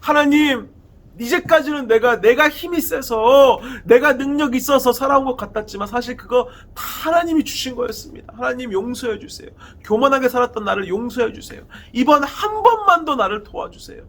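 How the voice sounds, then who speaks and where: A man's voice: very high voice, lively intonation, fairly quick, fairly bright tone, heavily acted. A man preaching, acting out a blinded, repentant strongman who pleads with God. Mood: pleading. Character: Samson, blinded strongman praying for forgiveness.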